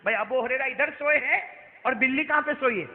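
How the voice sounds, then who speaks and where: A high-pitched man preaching to a gathering in a lively storytelling style, stopping often to quiz the crowd. The sound is thin and phone-like, and a long echo fills the hall around him. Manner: animated, asks the listeners questions and has them answer. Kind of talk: storytelling sermon to a live gathering.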